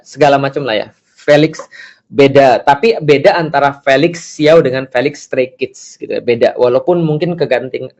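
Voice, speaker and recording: A man giving a casual religious lecture as a preacher, lively and acting out the voices he quotes. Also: medium pitch, lo-fi sound. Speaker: Islamic preacher.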